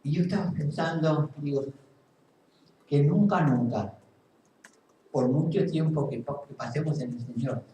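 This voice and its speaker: A pastor with a Spain Spanish accent delivers an earnest sermon in a church hall, his dark-toned voice a little high for a man and a little slow, with long pauses. He repeats key phrases twice for emphasis, and the distant mic catches a very echoey hall with faint room noise.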